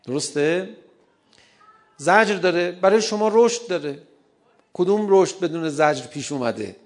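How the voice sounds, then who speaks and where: A middle-aged man with a high, animated voice gives a lively, humorous lecture on parenting to an audience. He laughs often and acts out short dialogues.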